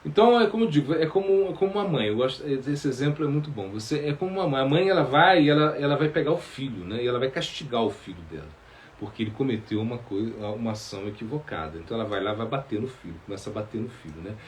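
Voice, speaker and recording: Male spiritual teacher, mid-pitched voice, halting answers, lots of fillers. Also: lively intonation, a little hiss or hum. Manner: halting, many fillers and repeated words. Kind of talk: sermon answering questions.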